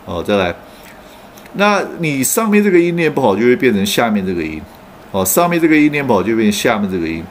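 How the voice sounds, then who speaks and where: Lively man teaching pronunciation. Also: medium pitch, a little hiss or hum. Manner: explains patiently with frequent "oh" fillers, then models words slowly. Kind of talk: online pronunciation lesson.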